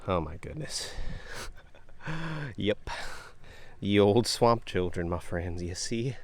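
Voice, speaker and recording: An American man with a fairly low voice talks casually to his camera while exploring outdoors. He sounds like an excitable treasure-hunting vlogger, full of exclamations and playful musing. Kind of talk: casual outdoor vlog commentary. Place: outdoors along a wooded creek. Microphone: camera held at arm's length.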